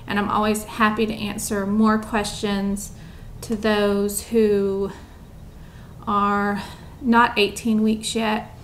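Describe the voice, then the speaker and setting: A woman's voice: mid-range voice, little pitch movement, takes it slowly, slight background noise. A young woman chatting casually to camera at home, rambling with lots of ums and a bit out of breath. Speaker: vlogger.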